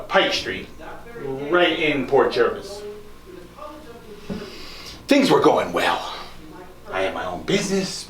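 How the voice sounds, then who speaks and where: In an echoey room during a live show, a costumed tour performer with a fairly high, slightly bright voice plays a genteel 19th-century country doctor. Speaking straight to the group in a theatrical, folksy monologue, he recounts his life story with pride and a reminiscing mood that later turns to grief.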